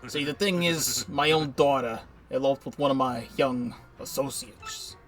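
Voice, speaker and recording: A gruff mob boss with a soft spot for his daughter, as a man puts him on, speaking low and hushed with a quiet threat behind each line. Light game music runs in the back. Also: measured pace, lightly acted. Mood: scheming. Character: gruff older male mob boss, menacing and fatherly.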